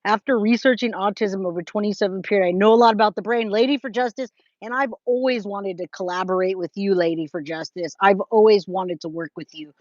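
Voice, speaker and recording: This true crime livestream host, an American woman in her forties from California, talks at medium pitch, fairly quickly, and with hardly any pauses, in a slightly mellow tone. She casually replies to comments, stays informal and emphatic, repeats herself for effect, and calls viewers guys, babe, and my love. The recording is muffled with no room sound.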